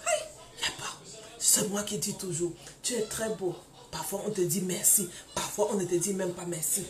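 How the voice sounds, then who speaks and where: A woman preaching a live-streamed testimony sermon, telling her story in an animated way, full of exclamations and acted-out dialogue. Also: lowish voice, normal speed, music in the background.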